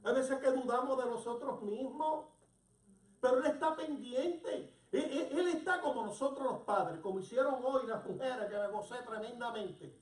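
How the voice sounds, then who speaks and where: A preacher giving an animated sermon, telling a story and asking the congregation questions. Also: sits high, normal speed. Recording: roomy hall, distant mic.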